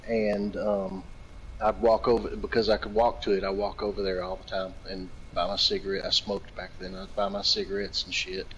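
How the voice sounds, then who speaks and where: A man's voice: sits low, level tone, moderate pace, fairly bright tone, a little hiss or hum, rough recording. A man from Virginia telling long, profane, rambling anecdotes in casual chat, laughing often. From Virginia, United States.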